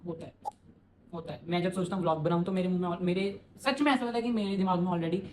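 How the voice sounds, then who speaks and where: Young male YouTuber, rapid, jokey, self-promoting; light room noise behind him. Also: high-pitched, a little mellow, poor audio. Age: young adult. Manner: fast-talking, joking, self-promoting. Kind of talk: casual vlog, reacting to a reading.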